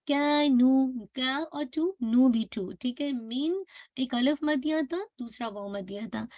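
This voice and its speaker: A woman giving an online tajweed lesson, patiently repeating words slowly to drill pronunciation. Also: high-pitched, darkish tone, no room sound. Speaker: Quran recitation teacher.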